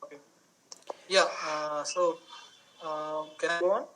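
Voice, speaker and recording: A man speaking haltingly over a video call, full of fillers. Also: a little high, fairly even intonation, a loud crowd, rough recording. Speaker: panel guest. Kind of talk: casual group conversation.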